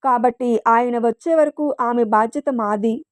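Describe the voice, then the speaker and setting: A woman's voice: on the high side, a little slow, darkish tone, clean tone, dry recording, studio quality, lightly acted. A woman voicing a stern elderly patriarch who scolds his guests in a storybook reading.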